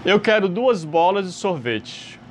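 Lively Brazilian man teaching English. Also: sits high, unhurried, slight background noise. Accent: Brazilian Portuguese. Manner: lively, asks rhetorical questions, frequent "tá?" check-ins. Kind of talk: online English lesson.

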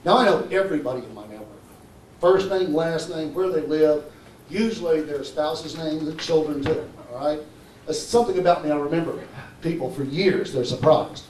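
A man giving an animated conference talk who keeps checking in with "okay?" and "right?" as he presents his engine modification. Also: a little high, moderate pace, a little hiss or hum. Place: conference hall. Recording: echoey hall, mic far off.

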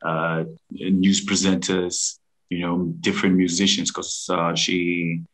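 A man in his thirties from Zimbabwe, a business founder telling his story over a video call in a halting, restarting way. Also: low voice, little pitch movement, a bit bright, low-quality recording. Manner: halting, many restarts and fillers. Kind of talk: casual interview storytelling. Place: room at home, indoors.

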